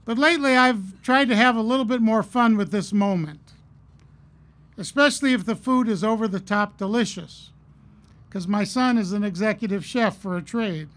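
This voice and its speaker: A middle-aged man giving a commencement address at a podium, earnest and measured, telling stories with pauses. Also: high voice, a bit bright. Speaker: commencement speaker. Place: outdoor stage at a podium. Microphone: podium mic on a stand.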